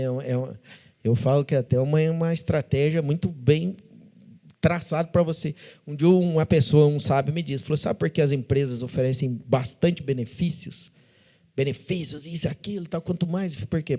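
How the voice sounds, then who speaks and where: Lively Brazilian man telling stories. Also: a little high. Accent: Brazilian Portuguese. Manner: animated, acts out dialogue, constant "né?" tags. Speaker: podcast guest. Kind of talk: casual testimony storytelling. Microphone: studio podcast mic.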